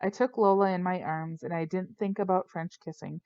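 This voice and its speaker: Low-voiced woman reading an audiobook. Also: moderate pace, smooth, dry recording. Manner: steady, storytelling. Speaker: audiobook narrator. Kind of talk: first-person audiobook narration. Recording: dull lo-fi dry recording.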